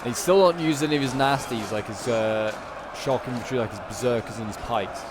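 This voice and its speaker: A man gives off-the-cuff play-by-play on a strategy game. His delivery is colloquial and animated, reacting as things unfold. Clear ambient noise sits behind his voice. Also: medium pitch, brisk. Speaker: gameplay commentator. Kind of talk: casual live commentary on a strategy game battle.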